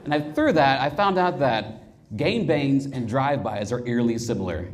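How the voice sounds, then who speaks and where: Male stand-up comic, dry punchline delivery, live room with heavy crowd noise. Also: mid-range voice. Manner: deadpan one-liners, quick dark punchlines. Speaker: stand-up comedian. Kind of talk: stand-up comedy set. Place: comedy stage before a live audience.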